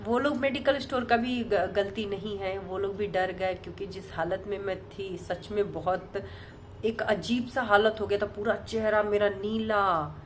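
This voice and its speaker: Woman vlogging, rambly and soft, lots of fillers, faint room hum behind. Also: medium pitch. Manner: rambling, chatty, full of fillers and restarts. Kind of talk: casual vlog storytelling.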